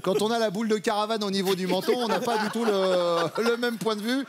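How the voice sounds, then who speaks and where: A man hosting a game show, teasing the contestants with quick jokes in a studio. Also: high voice, fairly even intonation, very noisy. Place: TV studio with audience. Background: studio audience laughter.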